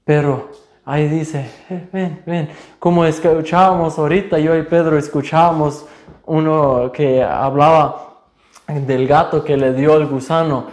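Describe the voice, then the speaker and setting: Slow-speaking man preaching a sermon. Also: fairly high pitch, steady tone, darkish tone. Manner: deliberate, acts out voices with rising emphasis. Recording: roomy echo.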